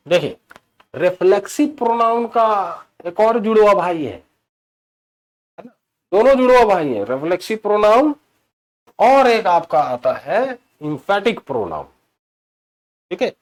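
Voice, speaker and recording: Animated, slow-paced man teaching grammar. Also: high voice. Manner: explains in Hindi mixed with English terms, asks "ठीक है?" often; animated, stresses key words, slows right down for example sentences. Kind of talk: classroom-style video lesson.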